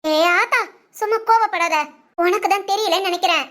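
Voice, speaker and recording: A woman playing a nosy village gossip, very high-pitched. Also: brisk, fairly bright tone. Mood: prying. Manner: prying, wheedling, gossipy. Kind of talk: village drama acting.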